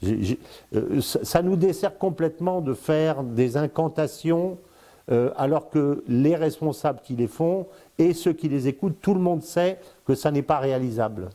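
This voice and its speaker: Speaking as a guest strategic affairs commentator, an older man in his sixties explains at length in casual spoken commentary, addressing the listener directly. Born in Congo, he has lived in Africa, Spain, and Brazil. His mellow, fairly high, expressive voice moves at a moderate pace, repeatedly stumbling on fillers and repeated words before he finds his thread again.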